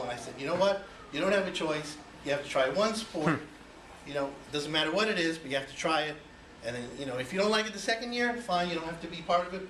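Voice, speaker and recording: A man in his forties, born in Cuba, gives a personal icebreaker speech to an audience, his voice on the high side and a bit bright. He keeps it conversational, sprinkling in lots of "you know"s and rhetorical questions. The recording is noisy, captured from a distance in an echoey room.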